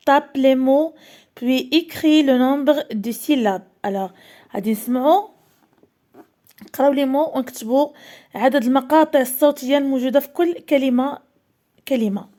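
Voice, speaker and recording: A woman with a Moroccan accent teaching a primary school French lesson, repeating words slowly and carefully to drill syllables. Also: high voice, warm tone.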